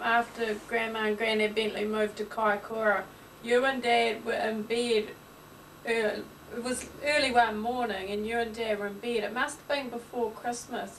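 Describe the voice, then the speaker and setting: Middle-aged New woman reminiscing. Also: a little high. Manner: prompting, recounting an anecdote with laughter. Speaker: interviewer, family member. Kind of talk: casual family reminiscing. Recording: distant mic with faint hiss.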